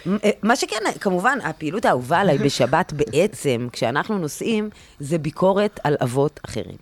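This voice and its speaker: A woman's voice: low voice, very animated, no room sound. Woman ranting indignant in a casual chat, voice jumps all over, dry sound. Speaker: guest telling stories.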